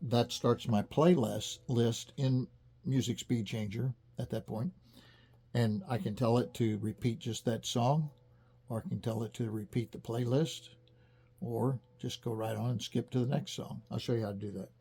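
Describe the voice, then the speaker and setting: A man teaching how to use a music practice app, explaining in a relaxed, chatty way with small restarts. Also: medium pitch, moderate pace, creaky, slightly rough. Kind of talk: casual tutorial demonstration. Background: faint banjo music playing from the app.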